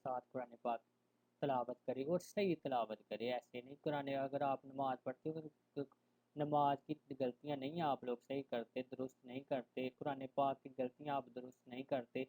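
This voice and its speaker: A man giving an online Quran reading lesson. He recites verses slowly and loudly, then explains softly and conversationally, mixing in English words. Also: medium pitch, steady tone, poor audio. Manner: mixes English words into his speech. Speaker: Quran teacher.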